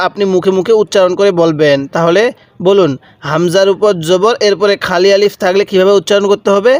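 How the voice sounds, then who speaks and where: A man with a high-pitched voice teaches how to read the letters of the Quran, moving step by step and patiently repeating each syllable while drawing it out. The recording has no room sound, and the style is a step-by-step recitation lesson.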